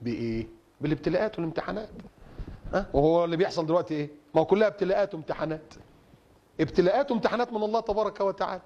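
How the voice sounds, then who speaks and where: A man preaching in an Egyptian Arabic accent, emphatic and repetitive, asking rhetorical questions and reciting verses slowly. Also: high voice, dark tone, dull audio. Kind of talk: sermon.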